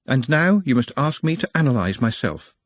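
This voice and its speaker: A man's voice: medium pitch, very animated, normal speed, no echo, voice pushed up. Man voicing a precise, patient odd young man.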